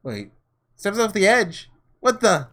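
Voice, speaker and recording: Sing-song and high, taking his time, this gaming video host plays through a visual novel casually. He reads its text and thinks aloud in an informal way.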